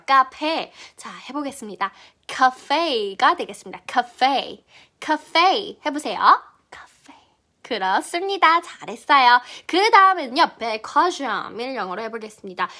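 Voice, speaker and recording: Bright, lively young woman teaching kids. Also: high voice. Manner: cheerful and encouraging, slow drawn-out model words for repeating. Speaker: English pronunciation teacher for children. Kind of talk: children's English lesson. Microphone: phone or camera close up, vertical video.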